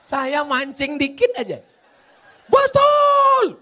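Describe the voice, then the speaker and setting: A man's voice: high-pitched, fairly bright tone, a little hiss or hum. A man preaching to a crowd, answering questions with jokes and building to fervent emphasis. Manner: rising to fervent emphasis, then joking asides. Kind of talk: humorous sermon.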